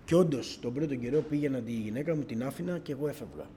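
A middle-aged man giving a personal testimony to a church gathering, telling his story as an animated storyteller who keeps quoting dialogue. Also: medium pitch, a little hiss or hum.

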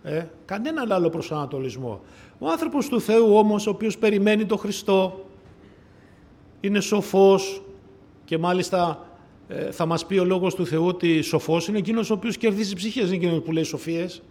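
A man with a notably high voice preaches a sermon. He asks his listeners rhetorical questions and repeats phrases for weight. His delivery moves from loud declarations to quiet, low asides. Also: animated. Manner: swings between loud declarations and soft asides.

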